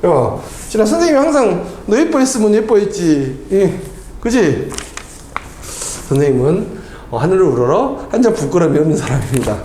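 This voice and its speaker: A man's voice: sits high, sing-song, normal speed, dark tone, a little hiss or hum. A man tutoring math, quizzing his student with constant tag questions and chatting casually between problems. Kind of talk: tutoring lesson with casual chat. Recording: echoey room.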